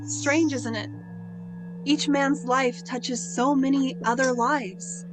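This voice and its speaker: A patient guardian angel acted by a woman speaks in calm, solemn tones. The voice sits high and unhurried, with clear music playing under it. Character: gentle older male guardian angel, patient.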